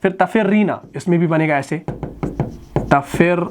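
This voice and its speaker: A man teaching Arabic verb conjugation, reciting each word form slowly and then explaining it in plain terms. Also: fairly high pitch, noisy background. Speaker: Quran and Arabic grammar teacher.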